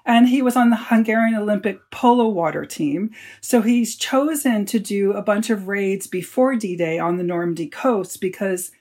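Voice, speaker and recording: An author appears as a guest in a podcast interview, telling stories and acting out the lines he quotes. His voice is high-pitched and a little mellow.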